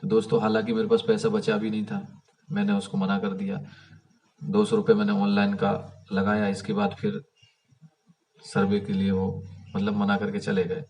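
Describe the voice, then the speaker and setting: Distant, low-voiced man telling a grievance. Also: monotone, normal speed, a little mellow. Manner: rambling, many restarts and fillers; aggrieved, complaining. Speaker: vlogger. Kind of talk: casual storytelling to camera. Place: outdoors by an unfinished house. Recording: voice heard from a distance.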